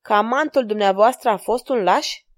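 A woman's voice: fairly high pitch, lightly acted. Woman voicing a flirtatious courtly king. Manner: courtly, flattering. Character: gallant amorous male king, courtly and flirtatious.

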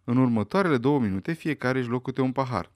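A man narrating a mystery novel aloud in an expressive, dramatic manner. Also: mid-range voice, no room sound, studio quality. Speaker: audiobook reader. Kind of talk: scripted narration.

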